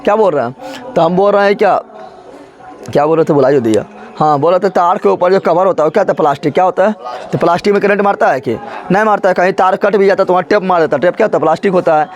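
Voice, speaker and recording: A man's voice: high-pitched, very fast. A male teacher, teaching a class in a colloquial style, repeatedly asking questions and answering them himself. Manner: repetitive call-and-response questioning, colloquial. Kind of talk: classroom lesson.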